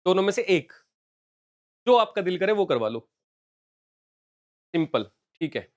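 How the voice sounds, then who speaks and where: A man's voice: high-pitched, very animated, unhurried, a little mellow. A male commerce teacher explaining exam questions step by step, working sums aloud and mixing English terms into his talk. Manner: explains step by step, calls viewers "beta" and "bachche". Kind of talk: solving exam questions on a live stream.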